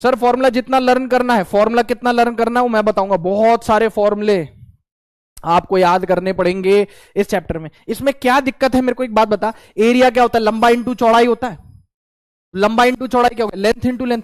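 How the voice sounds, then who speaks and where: A man's voice: extremely high pitch, steady tone, fast, dry recording. A young man teaching a physics lesson for exam prep in a playful, slangy way, often acting out his students' replies.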